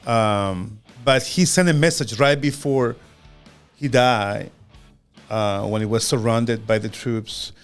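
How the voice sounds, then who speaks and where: Earnest Chilean man, halting speech. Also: medium pitch, clear, resonant tone, soft background music. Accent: Chilean Spanish. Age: 50s. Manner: halting, repeats words, earnest. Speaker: podcast co-host. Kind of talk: casual podcast chat.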